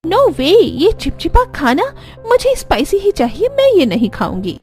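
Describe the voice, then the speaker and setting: A woman's voice: high-pitched, wildly swooping pitch, a little slow, warm tone, full character voice. A woman voicing a spoiled, dismissive young rich wife in a cartoon, whiny in tone. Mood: bratty. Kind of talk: animated cartoon voice acting.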